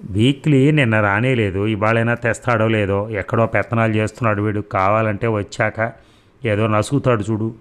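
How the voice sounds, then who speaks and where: A man's voice: lowish voice, steady tone, moderate pace, clean tone, lightly acted. A man voicing a pert young woman student. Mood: cocky. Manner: sulky, self-assured.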